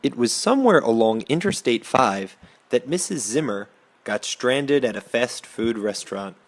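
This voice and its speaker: A man teaching English, telling a news story to learners with a slow, carefully spaced delivery. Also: medium pitch, lively intonation.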